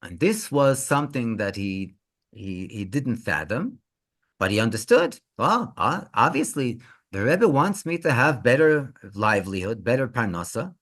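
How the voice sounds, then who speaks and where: A male rabbi telling a story in an animated, halting way, often repeating words. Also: mid-range voice. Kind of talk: storytelling talk.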